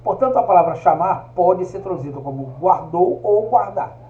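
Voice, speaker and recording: High-voiced man teaching. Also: animated, moderate pace. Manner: explanatory, often checks in with "tá?". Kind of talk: recorded video lesson. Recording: echoey room, dull lo-fi sound.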